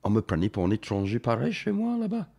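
An English man, a native English speaker, giving a radio interview in French with an English accent, halting with many fillers and restarts. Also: lowish voice, huge pitch swings, gravelly, a little mellow. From England. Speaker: interview guest.

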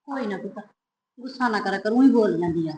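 An actress with a Punjabi accent playing a patient mother who gently consoles her daughter. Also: medium pitch, lively intonation, fairly quick, a little hiss or hum, lightly acted. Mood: consoling. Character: patient mother, soothing peacemaker. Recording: echoey room.

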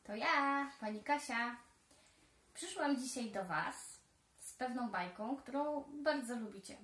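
A preschool teacher, a woman, reading a children's story aloud with clear, careful storytelling. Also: fairly high pitch, expressive, unhurried, fairly bright tone. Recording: roomy echo.

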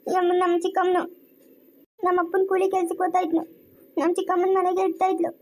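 A woman playing a mistreated young village woman with a rural Chikkaballapur Kannada accent, telling her story softly and haltingly through tears in a homemade family skit. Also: extremely high pitch, flat delivery. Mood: tearful. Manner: soft, halting, tearful storytelling.

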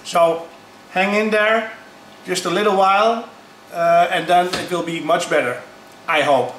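A man starting a YouTube channel, talking in a halting, unpolished way with frequent pauses. He is recorded through the low-quality built-in mic of his camera. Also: a bit bright, distant mic. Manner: halting, unpolished, pausing often. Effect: low-quality sound from a built-in camera mic. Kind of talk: casual unboxing vlog. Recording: echoey, low-quality camera audio with faint background noise.

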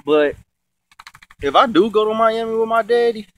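Stuffy-nosed and congested from a case of the sniffles, this young adult vlogger chats in a casual, rambling, slangy way, swearing freely. His voice is high-pitched and fairly bright, with lively intonation at normal speed. He's lounging in a chair outdoors in a yard, recorded by a phone at arm's length.

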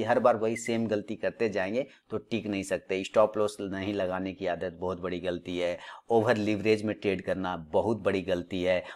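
Guy lecturing about trading, kinda low voice, keeps scolding and asking questions back. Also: a little mellow. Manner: scolding, full of rhetorical questions; repeats phrases for emphasis. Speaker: stock trading educator. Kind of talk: lecturing monologue.

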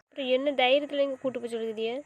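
A woman's voice: high-pitched, steady tone, racing, highs cut off, close to an everyday voice. A woman playing a hurt young wife in an amateur drama, scolding and insisting. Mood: angry. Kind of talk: amateur web drama acting.

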